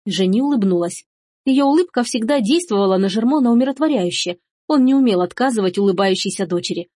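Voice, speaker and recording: A woman reading a fairy tale aloud in an even storytelling manner. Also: medium pitch, fast, no echo, clean studio sound. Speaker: audiobook reader. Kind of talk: scripted fairy-tale narration.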